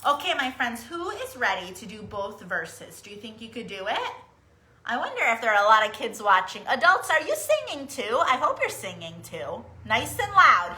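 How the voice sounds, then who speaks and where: A woman hosts an interactive storytime for small children, teaching songs and crafts and coaxing them along with questions and sing-song encouragement. Her voice is fairly high, bright, and forceful, heard in an echoey room.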